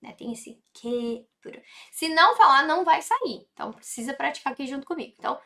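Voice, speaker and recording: A woman with a Brazilian Portuguese accent teaching a Japanese lesson, chatty, with many tag questions, slowly repeating phrases for drilling. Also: high voice. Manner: frequent tag questions, animated emphasis. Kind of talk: online language lesson.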